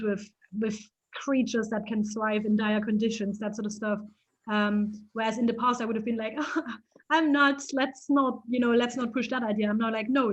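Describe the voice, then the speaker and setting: High-voiced German-raised woman chatting. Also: rough recording. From East Germany. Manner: animated storytelling, frequent restarts and laughs. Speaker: interview guest, photographer. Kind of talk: casual interview chat.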